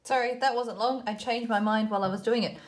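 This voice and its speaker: A woman's voice: a little high, steady tone, fast talker. A woman with an Australian accent giving a casual craft tutorial, chatting informally and self-deprecatingly as she thinks aloud while working. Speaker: host of a children's craft video.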